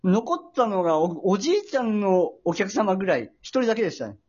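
A young man hosting a casual talk show, telling a story politely and hesitantly, with many pauses and filler sounds. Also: high voice, big pitch swings, darkish tone, breathy edge, lo-fi sound. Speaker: host.

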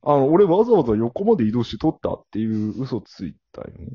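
A man's voice: medium pitch, sing-song, a little fast, husky, no room sound, highs cut off. A man co-hosting a casual podcast chat, confessing sheepishly and putting himself down, then flaring up. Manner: sheepish, self-deprecating confessing that flares into indignation. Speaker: podcast co-host.

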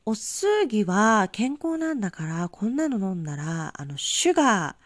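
A woman's voice: mid-range voice, sing-song, moderate pace, dry recording, clean studio sound. A woman quoting a self-justifying young male friend in an earnest, lecturing tone.

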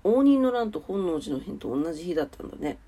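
Speaking fast in a low, mellow, sing-song voice with a breathy edge, this woman sounds stuffed-up and nasal. She runs a casual solo morning radio-style show, chatting politely about the weather and notes for the day.

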